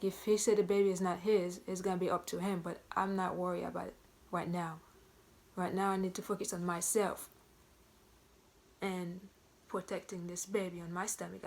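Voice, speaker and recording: A young woman in casual story-time talk, retelling events in a chatty, animated way and acting out quoted dialogue, with features. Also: on the low side. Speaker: vlogger.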